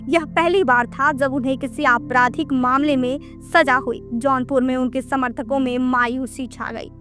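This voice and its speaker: High-pitched woman narrating a dramatic story over music. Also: fairly bright tone.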